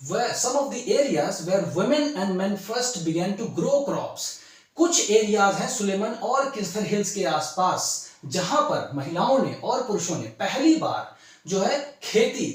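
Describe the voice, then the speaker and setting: A male teacher with a high, lively voice reads English sentences slowly and explains them at length, checking often that his listeners follow. The recording sounds heavily echoey, as if made in a bare room. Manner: repetitive, drawn-out reading of English lines; frequent tag "ठीक है ना". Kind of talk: bilingual classroom explanation.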